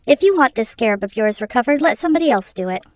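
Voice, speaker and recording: A woman's voice: on the high side, animated, fast, dry recording, close to an everyday voice. A woman reading aloud, voicing a bold young man who lectures and commands his elderly employer. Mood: defiant.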